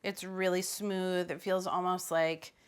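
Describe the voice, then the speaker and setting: A woman's voice: on the low side, flat delivery, unhurried, clean tone. A woman hosting a casual cooking demonstration in a kitchen, chatty and playful, with loose, offhand phrasing. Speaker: cooking host. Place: home kitchen.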